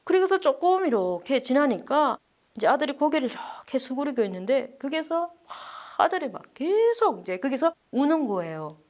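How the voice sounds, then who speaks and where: Lively, high-voiced nun telling a story. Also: female voice, moderate pace. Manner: animated, acts out the people in her story; asks the audience questions.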